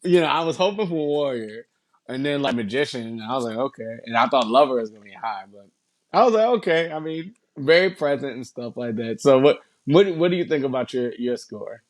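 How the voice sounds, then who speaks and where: A man co-hosting a casual podcast, telling animated stories full of swearing and casual slang. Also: medium pitch, a little fast, dry recording. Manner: animated storyteller, swears a lot, says bro. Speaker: podcast co-host.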